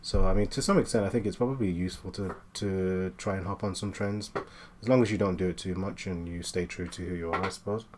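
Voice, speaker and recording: A man in his late twenties chatting casually while he draws, talking in halting bursts with many fillers and restarts. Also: sits low, steady tone, darkish tone, a little hiss or hum. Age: 20s. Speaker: art streamer. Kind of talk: casual chat while drawing.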